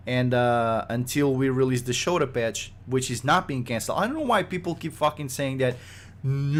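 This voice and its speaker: Game developer, male, medium pitch; rambling, restart-heavy casual podcast talk, exasperated tone. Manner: rambling, frequent fillers and restarts; exasperated at rumors.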